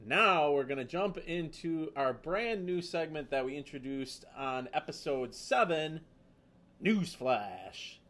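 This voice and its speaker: A man from Wisconsin with a Wisconsin accent, co-hosting a casual podcast and telling stories in a relaxed way with filler words. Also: a little high, a little slow, hardly any pauses. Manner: easygoing, storytelling with filler words. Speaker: podcast co-host.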